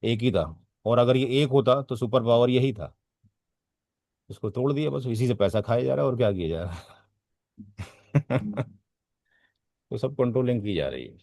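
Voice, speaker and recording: A man's voice: medium pitch, moderate pace, long pauses, darkish tone, dry recording. A man teaching a networking class in a lecture style, drifting off topic, repeating words for emphasis and asking his students rhetorical questions. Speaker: networking trainer.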